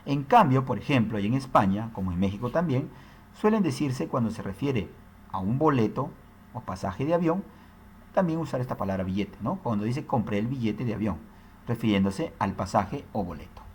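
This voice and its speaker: A male teacher gives an explanatory lesson, his pitch rising and falling freely as he checks in with the listener. A faint hum of background noise sits under the recording. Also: animated, moderate pace, a little mellow. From Peru. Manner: explanatory, frequent tag questions.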